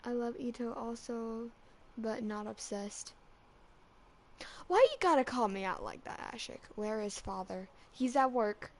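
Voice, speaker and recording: A woman chatting casually as a fan vlogger, rambling and excitable with lots of restarts, her voice cracking slightly from being sick. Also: fairly high pitch, unhurried. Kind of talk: casual chat.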